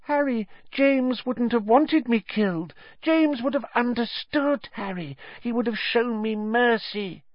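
Man voicing shrill, whining, cowardly Peter Pettigrew. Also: a little slow, few pauses, dry recording, lo-fi sound, close to an everyday voice. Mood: wheedling. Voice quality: high, whining, tearful, gasping. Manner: grovelling, repetitive, desperate pleading. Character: cringing, pleading, cowardly man, rat-like traitor.

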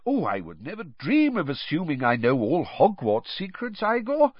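A man's voice: sits high, sing-song, a little fast, husky, no room sound, muffled recording, voice pushed up, exaggerated voice. A man doing a genial, twinkling old wizard. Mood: amiable. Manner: amiable, playful, rambling.

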